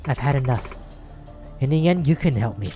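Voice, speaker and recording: A man's voice: medium pitch, expressive, normal speed, mellow, soft background music, natural voice. A man voicing a bitter, defeated woman client in a video game. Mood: bitter, resigned.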